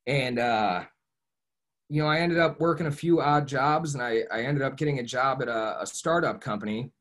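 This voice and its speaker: His voice is mid-range and a bit bright, at normal speed: a young man from Ohio being interviewed casually on a podcast. He recounts his story in an earnest, reflective manner, often starting over and saying "you know."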